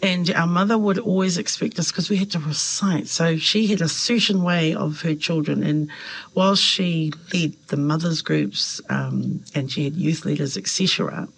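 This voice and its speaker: A rough recording captures a New woman's low, gravelly, husky voice at normal speed. Originally a Samoan speaker, this member of parliament reflects in interview answers, thoughtful and hesitant with fillers, becoming animated as she quotes others.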